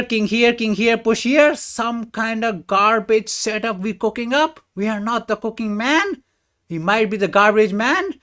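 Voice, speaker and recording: A young man talks through his chess moves in quick bursts, slangy and joking, his voice set a little high. He jumps up in pitch when he gets excited and drops low when he mutters, so the commentary swings around. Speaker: chess streamer. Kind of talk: live game commentary.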